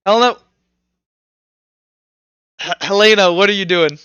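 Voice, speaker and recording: Running a tabletop RPG session, a man narrates and walks through rules casually, reasoning out loud. He speaks a little slowly in a high, clear, resonant voice, and the audio is dull, with no room sound.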